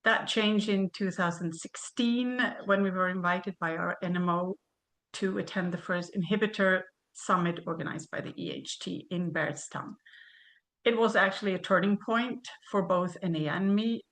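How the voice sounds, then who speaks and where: A woman's voice: fairly low pitch, normal speed, a bit bright. Woman reading a webinar talk. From Sweden. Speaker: presenter. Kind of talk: reading a prepared webinar presentation.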